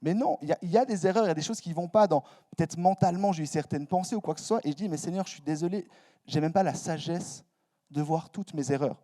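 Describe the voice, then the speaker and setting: A young male preacher gives a sermon in a church hall with a relaxed, conversational delivery. His voice is mellow and a little high for a man. He drops in slang and pokes fun at himself as he talks. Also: fast talker. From Switzerland. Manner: casual, youthful slang, self-mocking asides.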